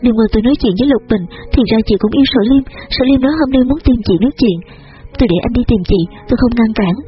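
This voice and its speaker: Một cô gái trẻ hoảng loạn, van xin tha thiết, giọng cao vút và cứ lặp đi lặp lại lời cầu xin, do một người đàn ông đọc truyện thể hiện. Âm thanh hơi đục, có tiếng guitar nhẹ phía sau. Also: male voice, extremely high pitch, rapid-fire, lo-fi sound. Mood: guilt-stricken. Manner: desperate, pleading, repeating herself. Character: young woman, distraught, pleading sister.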